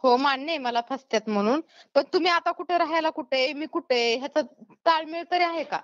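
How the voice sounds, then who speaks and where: This woman speaks briskly in a high voice with a Maharashtrian accent, a YouTuber fielding a prank call with blunt remarks and frequent questions. The casual phone conversation comes through as a dull, lo-fi recording.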